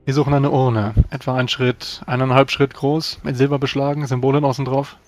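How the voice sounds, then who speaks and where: A man playing a tabletop role-playing game, speaking in brisk, commanding phrases. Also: mid-range voice, level tone, dry recording. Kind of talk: in-game role-play and casual table talk. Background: faint music.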